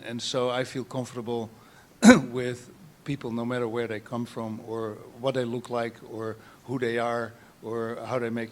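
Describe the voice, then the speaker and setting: A man's voice: mid-range voice, a little mellow, slight background noise. Dutch-accented older man, rambling. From Netherlands. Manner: meandering, frequent restarts and throat clearing. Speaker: photographer, guest artist. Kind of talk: panel talk.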